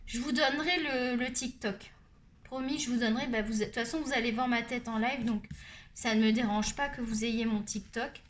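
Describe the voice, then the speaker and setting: A woman with a high, shrill voice who talks loudly and at length, chatting her way through a colored-pencil tutorial. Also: normal speed, slight background noise. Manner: loud, talkative and animated. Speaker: colouring tutorial host.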